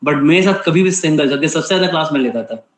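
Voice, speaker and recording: A stern man with an Indian English accent lectures his online class, switching back and forth between Hindi and English and tagging almost every sentence with a check for agreement. His voice sits a little high for a man. The sound is roomy and echoey, as if he were recorded in a bare room on a computer mic. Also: expressive, quick pace. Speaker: online teacher.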